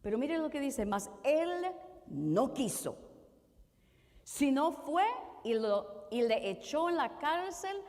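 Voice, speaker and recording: A woman minister preaching a sermon, asking slow rhetorical questions one after another and sometimes rising to a shout. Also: sits high, very animated. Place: church. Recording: long reverb of a hall.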